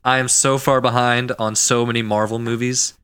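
Bright-voiced joking male co-host. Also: mid-range voice, level tone, normal speed, clear, resonant tone. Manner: joking, blunt, swears casually. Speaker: podcast co-host. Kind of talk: casual podcast banter.

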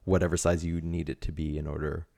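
A man with a low, gravelly voice co-hosts a casual comedy podcast. He rambles through his ideas with lots of fillers and keeps giggling. He is recorded on a dry, close mic. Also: little pitch movement, fast talker, mellow, dry recording. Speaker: podcast co-host.

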